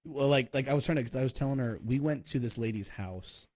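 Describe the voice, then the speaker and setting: A man's voice: medium pitch, fairly quick, a little mellow, no echo, studio quality. A young man co-hosting a casual chat, telling rambling stories and laughing often. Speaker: podcast co-host.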